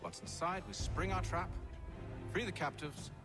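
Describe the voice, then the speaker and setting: An actor playing a composed male leader who speaks formally and deliberately in a game. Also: high voice. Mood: commanding. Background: game music.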